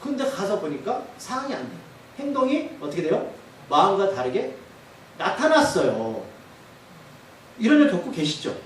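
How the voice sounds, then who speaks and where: A man's voice: high-pitched, huge pitch swings, moderate pace, long pauses, slight background noise. A male pastor preaching a sermon, often putting questions to the congregation. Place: church sanctuary. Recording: echoey church hall from far off.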